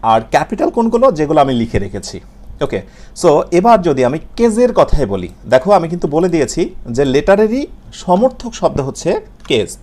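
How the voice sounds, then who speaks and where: A man with a Bengali accent teaching English letters and pronunciation in a video lesson, repeating sounds slowly and asking and answering his own questions. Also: on the high side, very animated, darkish tone.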